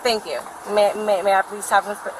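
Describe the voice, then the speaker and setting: A woman's voice: medium pitch, flat delivery, brisk, poor audio. A woman driver at a police traffic stop, arguing insistently, repeating herself and talking over others, caught on body cam audio. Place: roadside, at and beside a car. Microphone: officer's body camera, not close to her. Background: clear vehicle and outdoor noise.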